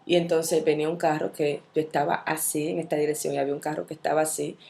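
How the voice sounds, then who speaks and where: Low, gravelly-voiced woman teaching Bible study. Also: fast talker. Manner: expressive storytelling, acts out dialogue; candid, self-reflective.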